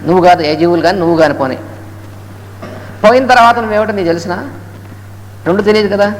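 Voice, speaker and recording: A man with a high voice rushes through a spiritual discourse, breaking off to chant Sanskrit verses slowly. His talk rings with the long reverb of a hall, and a faint hiss sits behind it. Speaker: Gita lecturer. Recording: echoey hall with faint noise.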